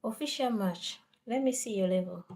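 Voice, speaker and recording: A woman's voice: fairly high pitch, normal speed, a little mellow. A woman from Cameroon, chatting casually with viewers on a live stream and sometimes dropping to a near whisper.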